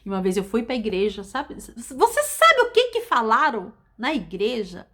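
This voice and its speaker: A high-pitched woman preacher in middle age delivers a testimony sermon. She repeats phrases over and over and swings between loud emphasis and hushed, intimate lines. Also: wildly swooping pitch, normal speed.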